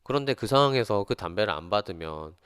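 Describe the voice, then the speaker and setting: A man with a low, smooth, resonant voice tells a story from his own school days. He slips into the voices of the people in it, jumping sharply higher when someone shouts. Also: animated, quick pace. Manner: acts out quoted voices with big pitch jumps. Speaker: teacher telling a personal story. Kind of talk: storytelling monologue.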